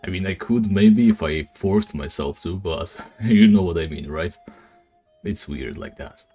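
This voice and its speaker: While streaming a game, a man chats casually with his viewers in English, which isn't his first language. His voice is deep and raspy, his pace a little slow, and his talk relaxed and rambling with plenty of fillers, over soft background music.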